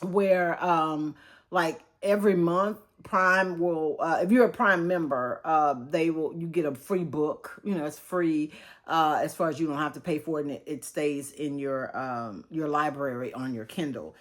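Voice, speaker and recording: A woman's voice: sits low, measured pace. A woman in her fifties with a Texas accent, chatting casually as she reviews a book and addresses her viewers, rambling a little with plenty of ums. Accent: Texan. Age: 50s. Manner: chatty and rambling, calls viewers "y'all", many fillers.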